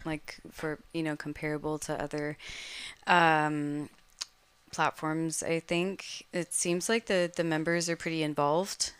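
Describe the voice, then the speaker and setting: Woman, interviewer, casual chat, enthusiastic, smooth clear voice, slightly low. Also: level tone, no echo. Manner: enthusiastic, quick reactions.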